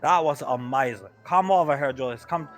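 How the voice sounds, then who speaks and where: A man's voice: medium pitch, fairly quick, faint music behind, pitched above the performer's own voice, lightly acted. A man voicing an effusive male film director who heaps praise on his actors in clipped, broken grammar. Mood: gushing.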